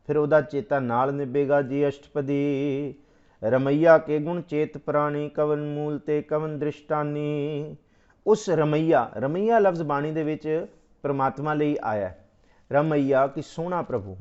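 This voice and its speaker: A man giving a Sikh scripture exposition, reciting verses slowly and then explaining them phrase by phrase, asking and answering his own questions like a teacher. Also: mid-range voice, darkish tone, muffled recording.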